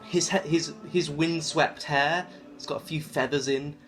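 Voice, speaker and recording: A playful male game master narrating a tabletop horror game, breaking into laughs as he goes. His voice is slightly high, with music in the background. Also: steady tone, a little slow, a bit bright.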